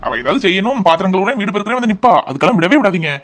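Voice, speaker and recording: A man voicing an excited young cartoon husband. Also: sits high. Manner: eager, rushed, joyful.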